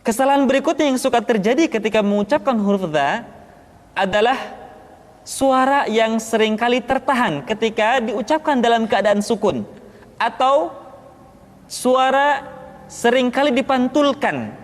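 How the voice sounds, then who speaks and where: A woman teaching how to pronounce Arabic letters for Quran recitation. She explains each letter deliberately, then drills it in repeated syllables. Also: fairly high pitch, lively intonation, big-room sound. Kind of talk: slow instructional explanation with pronunciation drills.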